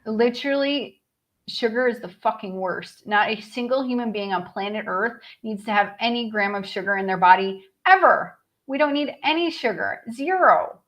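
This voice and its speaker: A woman's voice: a little high, normal speed, a bit bright. A woman hosting a casual group video chat, blunt and profane, reading out viewer questions. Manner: blunt and profane, then sympathetic; reads viewer questions aloud. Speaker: host.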